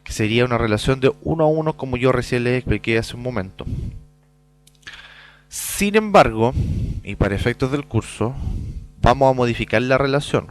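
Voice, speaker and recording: A man explaining a database program in a screencast tutorial, checking in with the listener as he goes and muttering while he types in example data. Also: medium pitch. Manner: explanatory, peppers lines with "¿ya?"; mutters quietly while typing in sample data. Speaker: software course instructor.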